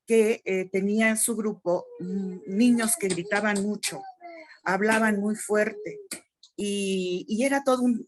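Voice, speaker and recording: A middle-aged woman with a strong, loud voice, talking emphatically in a group discussion among teachers. Her pitch sits in an ordinary middle range for a woman. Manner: loud, emphatic speaker who calls her own voice strong. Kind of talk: participant in a teacher training discussion.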